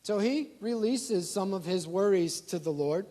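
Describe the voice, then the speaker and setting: High-voiced man preaching a sermon. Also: measured pace. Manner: preaching with rhetorical questions to the congregation; swings from loud emphasis down to quiet, low asides. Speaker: pastor.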